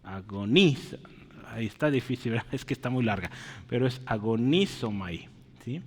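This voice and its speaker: A man's voice: mid-range voice, fast talker, darkish tone, husky, in a large hall. A man preaching a teaching sermon, explaining step by step, often checking that listeners follow and calling them brother. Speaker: preacher teaching a Bible study.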